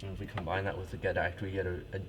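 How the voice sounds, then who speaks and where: Over a loud pipe organ, a deep-voiced man rattles off a rapid-fire, level-toned demo of the church organ's stops. He speaks casually from the console, restarting often and using lots of fillers.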